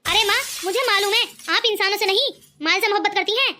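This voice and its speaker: This is a good-natured young man in a cartoon who argues kindly with his mother, with a woman doing the voice. The voice sits very high and sounds bright. He talks in an earnest, pleading way. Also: steady tone, fast talker, slight background noise. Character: kind cheerful young man, brother-in-law. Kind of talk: cartoon voice acting.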